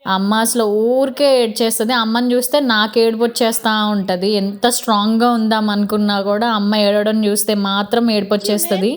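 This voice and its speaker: A woman in her thirties narrates a family vlog with a Telugu accent. Her tone is soft and emotional, and she explains each step patiently. Her voice sits at a medium height. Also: medium pitch, flat delivery, a little fast, few pauses. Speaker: vlogger.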